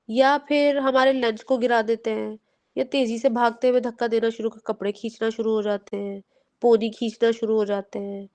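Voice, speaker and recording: A woman teaches a group of children in Urdu, her Pakistani accent mixed with English. Her voice is on the high side and gravelly, and she explains gently, checking often that the kids follow.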